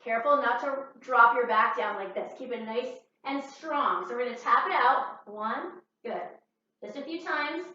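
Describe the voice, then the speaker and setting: A woman's voice: on the high side, normal speed, pushed and bright. Echoey, soothing woman yoga teacher. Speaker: yoga and pilates class instructor. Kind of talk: guided exercise class instruction. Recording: echoey room, distant mic, muffled, faint noise.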